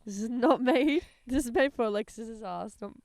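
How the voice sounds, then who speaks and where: A young woman chats on a podcast with a hoarse, sick voice, heavy vocal fry running through it. She talks in a relaxed, laid-back way and swears freely. The sound is dry and close. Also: a little high, moderate pace, dry recording. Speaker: podcast co-host. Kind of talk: casual chat. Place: outdoors, lying in a hammock.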